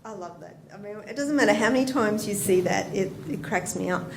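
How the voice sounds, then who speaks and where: An Australian nurse educator with vocal fry and a medium pitch talks fairly quickly at a conference. She tells anecdotes, chats and questions her audience, while the roomy hall adds background noise.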